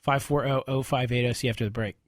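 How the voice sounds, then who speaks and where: A man's voice: medium pitch, fairly even intonation, quick pace, dry recording, clean studio sound. A man hosting a call-in radio show, casually explaining legal points to a caller. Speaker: radio show host, lawyer. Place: radio studio.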